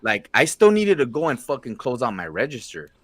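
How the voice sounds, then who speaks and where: A man's voice: mid-range voice, huge pitch swings, a little fast, crowd noise. A man telling stories in casual podcast chat, slangy, swearing freely and laughing at himself. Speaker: podcast co-host.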